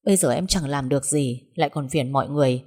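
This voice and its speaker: A woman's voice: very deep voice, fast, a little mellow. A woman voicing an injured, bedridden man who pleads and blames himself. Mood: despairing. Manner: pleading, self-pitying.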